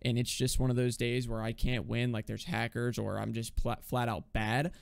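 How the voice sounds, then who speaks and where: Young man, podcast co-host, gravelly voice, rambling casual chat, self-deprecating. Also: medium pitch, little pitch movement, normal speed.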